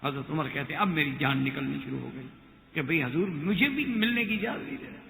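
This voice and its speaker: A man's voice: a little high, vocal fry, sharp tone. Older male preacher in an echoey hall. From Makkah, Saudi Arabia. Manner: storytelling sermon with chanted Arabic verses. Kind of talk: sermon. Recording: echoey hall with long reverb.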